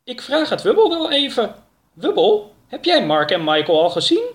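A man voicing a curious young male creature in a high, lively put-on voice. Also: moderate pace, full character voice.

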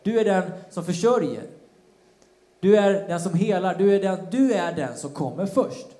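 A man's voice: high voice, animated, mellow. A man preaching a sermon, retelling a Bible story with casual slang asides and acted-out quotes. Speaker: pastor. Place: church hall. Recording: roomy church hall sound.

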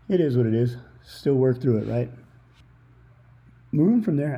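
A man's voice: mid-range voice, warm tone. A man hosting a solo motivational podcast from under a towel in a small office, talking informally and reflectively as he thinks aloud. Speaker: podcast host. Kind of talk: free-flowing motivational solo podcast talk. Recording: improvised, under a towel at the computer.

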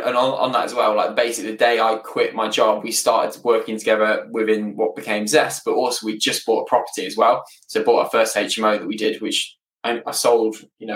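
Speaking as an interview guest on a podcast, a thirtysomething man who owns a property business recounts his story in a relaxed way, stumbling and repeating himself often. His voice is lowish and a bit bright, captured far from the mic with a roomy echo.

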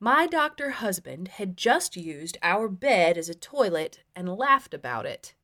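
A woman's voice: on the low side, big pitch swings, a little slow, a bit bright. A woman reading her own memoir aloud in a frank, wry and profane way. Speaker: memoir narrator. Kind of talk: first-person memoir narration.

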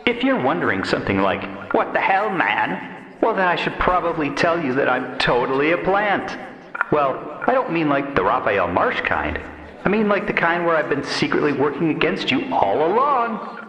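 A man's voice: a little high, very animated, normal speed, reverberant, in a large hall, muffled recording. A man playing a chummy, dim henchman in an audio comedy drama, who rambles and over-explains casually. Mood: smug, chatty.

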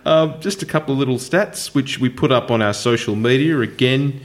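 A man's voice: medium pitch, normal speed. A man with an Australian accent hosting a casual podcast, bantering and rambling in a jokey way. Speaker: podcast host. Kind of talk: casual chat.

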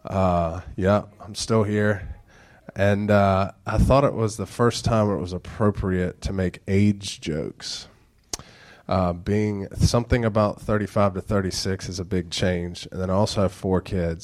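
Stuffed up with nasal congestion, a very deep-voiced pastor in his thirties talks slowly and almost monotonously through a casual sermon. Between church announcements, he slips in dad jokes.

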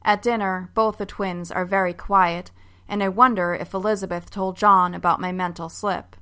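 A woman giving a wry, expressive first-person narration of a family story. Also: fairly low pitch, moderate pace, smooth.

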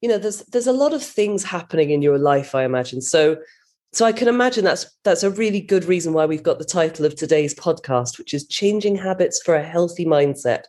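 A woman's voice: lowish voice, expressive, brisk, a little mellow. A woman hosting a podcast interview, asking encouraging questions.

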